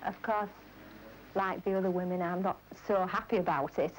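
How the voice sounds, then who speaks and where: A woman's voice: lowish voice, steady tone, moderate pace. A woman speaking informally in interview as a crewman's wife. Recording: faintly noisy old film sound.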